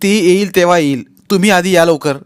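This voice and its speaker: A man's voice: animated, normal speed, no echo. A man voicing an anxious, impatient young woman who snaps and pleads on the phone in a storybook reading. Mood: snapping. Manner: shrill, snapping and impatient.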